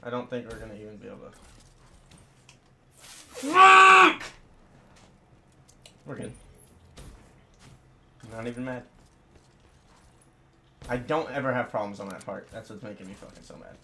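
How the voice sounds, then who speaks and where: A young man cursing his way through gameplay commentary, frustrated and bursting into loud yells. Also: on the low side, fairly even intonation, fairly quick, vocal fry, long pauses, noisy background. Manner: swearing, frustrated, bursts into yelling. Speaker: gamer.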